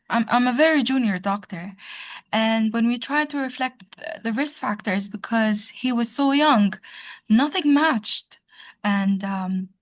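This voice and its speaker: A woman's voice: on the high side, no echo. Young Sudanese-born woman on a dry call. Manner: polite, hesitant. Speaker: junior doctor asking a question. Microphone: video call.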